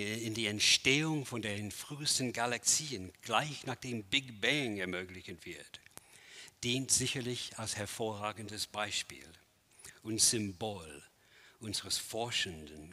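A native English-speaking man in his sixties, with a voice on the low side, delivers a theatrical lecture performance in a large, empty gallery hall. He declaims with dramatic swells and hushed drops.

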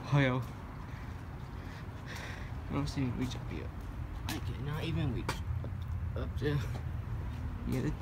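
A man vlogging as he walks around an empty building, making short offhand remarks. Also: mid-range voice. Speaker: urban explorer vlogger. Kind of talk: casual walkthrough narration. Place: outdoors in an empty parking lot. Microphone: handheld phone camera. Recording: loud outdoor traffic noise.

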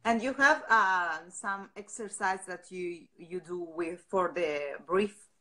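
A woman's voice: lowish voice, slow, pushed and bright. A woman hosting a live interview, asking questions hesitantly while she searches for words. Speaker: interviewer, artistic director.

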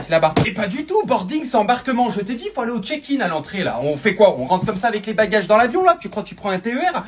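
A man voicing an exasperated traveler loudly nagging a partner at an airport in a comedy sketch. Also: high voice, noisy background, pitched above the performer's own voice. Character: bickering stressed traveler at an airport.

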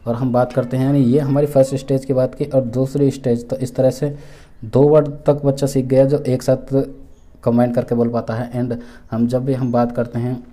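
A man's voice: mid-range voice, level tone, moderate pace, dark tone. A man giving an exam-prep lecture, repeating each point with terms in two languages, with many fillers and restarts as he explains. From India. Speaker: teacher for exam preparation.

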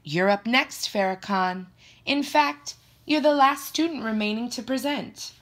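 A woman voicing a brisk middle-aged female schoolteacher who speaks in a firm, instructive way in an audiobook reading. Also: fairly high pitch, a bit bright, voice pushed up.

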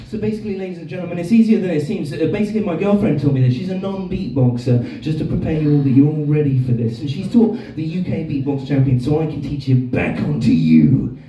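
A man's voice: fairly high pitch, expressive, quick pace, few pauses, mellow. A young man doing playful live comic banter as a beatboxer, leading the audience and laughing often. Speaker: beatboxer teaching the crowd. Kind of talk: live comedic stage banter. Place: club stage with a live audience. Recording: echoey club, distant, crowd noise.

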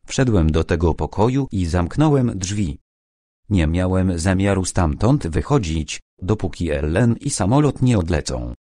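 Male reader doing defensive, bitter middle-aged doctor, deep, slow. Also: expressive, warm tone, dry recording, studio quality. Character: doktor Swan, nerwowy mężczyzna w średnim wieku.

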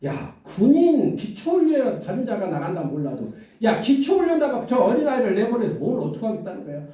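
A man preaches a sermon in a high, animated voice, full of swings in pitch. He keeps tossing questions to the congregation and acts out the voices of the story. His mellow tone echoes heavily through a church hall, picked up from a distance. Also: fairly quick. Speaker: pastor. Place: church sanctuary.

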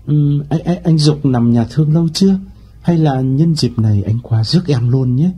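An eager, smooth-talking suitor pleads and flatters down the phone, voiced by a man reading an audiobook. The voice is deep-toned, very dark and husky. Soft music plays underneath. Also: moderate pace. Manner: pleading and fawning.

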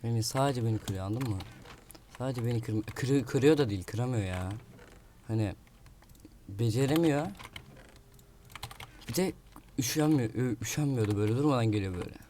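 A man's voice: medium pitch, moderate pace, pauses often, dark tone, slight background noise. A man giving casual live commentary while playing a video game, muttering to himself and grumbling about an opponent. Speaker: gaming video creator. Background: keyboard clicks and typing.

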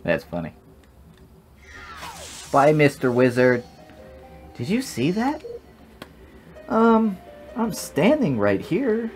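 A man's voice: a little high, huge pitch swings, takes it slowly, long pauses, a little mellow, faint music behind. A young man giving casual, blunt, joking game commentary with plenty of swearing. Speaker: gaming video host.

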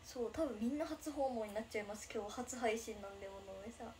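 A woman's voice: a little high, fast, darkish tone, a little hiss or hum. A woman in her twenties, speaking with a Nagasaki dialect, chatting casually on a livestream as she reads viewer comments, giggly and bubbly. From Japan, Nagasaki. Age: 20s. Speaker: idol livestreamer.

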